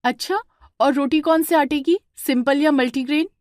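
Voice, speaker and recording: A woman's voice: high voice, moderate pace, a little mellow, dry recording, studio quality, pitched above the performer's own voice, natural voice. A woman playing a sly young daughter-in-law who sounds sweetly over-polite on the phone. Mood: sugary.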